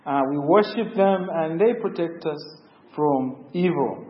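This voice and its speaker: A man's voice: on the high side, measured pace, highs cut off, natural voice. A man voicing a stubborn, irritable father who scolds his son, heard in an echoey church hall. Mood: scolding. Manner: annoyed, scolding.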